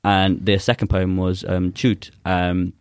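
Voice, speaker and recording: This is a poet guest, a young man with a deep, flat, smooth voice whose first language is Urdu, shifting between casual conversation and spoken-word poetry. He comes across as earnest and halting, using many fillers, in a studio-quality recording without echo.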